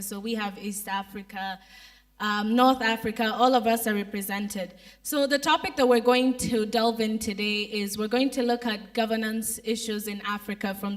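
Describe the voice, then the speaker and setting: A young woman moderating a university panel discussion with a poised, rhetorical delivery. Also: a little high. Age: young adult. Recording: voice picked up from a distance.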